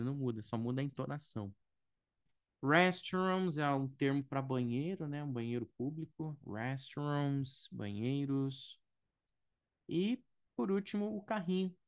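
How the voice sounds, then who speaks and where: A man's voice: fairly high pitch, animated, a little slow, no room sound, clean studio sound. A man from Brazil teaching airport vocabulary in a casual online lesson, explaining patiently, checking in with his students often and thinking aloud. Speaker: English teacher.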